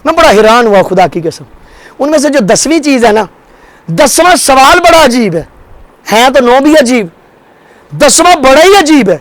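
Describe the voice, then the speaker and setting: A man preaching a religious sermon at a mourning gathering, impassioned, swearing oaths and piling up rhetorical questions, swinging between loud rises and hushed drops. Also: very high-pitched, big pitch swings, long pauses, no room sound, low-quality recording. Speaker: majlis preacher.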